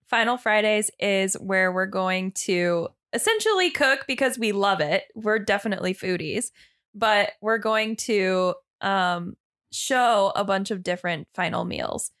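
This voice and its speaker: A woman's voice: medium pitch, lively intonation, a little slow, a bit bright. Upbeat female podcast co-host. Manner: upbeat, enthusiastic. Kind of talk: casual podcast chat.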